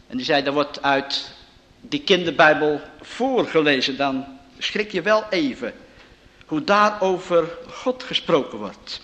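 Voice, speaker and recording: A man's voice: a little high, lively intonation, a little slow, sharp tone, big-room sound. A man preaching a sermon in an earnest manner, reading passages aloud with rising emphasis.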